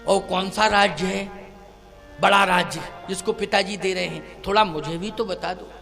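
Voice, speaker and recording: A man's voice: high-pitched, steady tone, normal speed, vocal fry, in a large hall, over music. A man voicing queen mother Kaushalya. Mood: questioning. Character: gentle queen mother Kaushalya, older woman, questioning.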